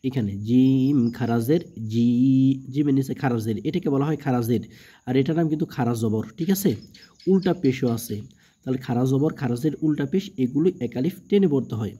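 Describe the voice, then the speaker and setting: A man's voice: a little fast, warm tone, husky. A man teaching Quran reading. He spells out letters and vowel marks one by one, drags out the long vowels and often checks in with his listeners. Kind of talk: slow spelling-out lesson. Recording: muffled low-fidelity audio.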